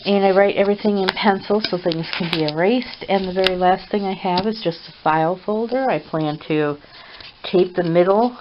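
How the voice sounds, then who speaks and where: A woman talking in a casual home vlog, halting, with many pauses and fillers, recorded indoors at home on a camera mic. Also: on the low side. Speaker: vlogger. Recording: dull lo-fi home video with hiss.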